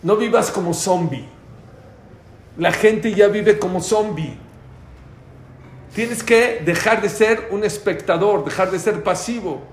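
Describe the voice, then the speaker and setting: A man giving a lively sermon, acting out voices of the people and of God as he preaches. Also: sits high, takes it slowly, long pauses, roomy sound, a little hiss or hum. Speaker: rabbi.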